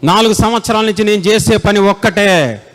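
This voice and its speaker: A man preaching a sermon as a pastor, passionate and dramatic, swinging from soft pleading to loud outbursts. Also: sits high, fairly quick. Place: large indoor meeting hall. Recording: long hall reverb.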